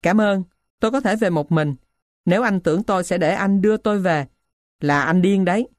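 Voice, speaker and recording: A proud, offended young woman from a storybook, as a woman reader voices her. She sounds cold and indignant, pitched a little higher than the narration. The recording is dry and close. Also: brisk, a little mellow, no echo, lightly acted.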